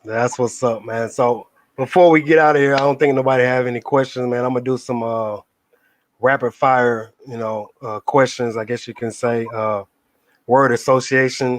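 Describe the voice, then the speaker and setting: A man's voice: medium pitch, steady tone, moderate pace, no echo. A man hosting a casual live interview, talking in a laid-back, slang-heavy way. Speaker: interview host.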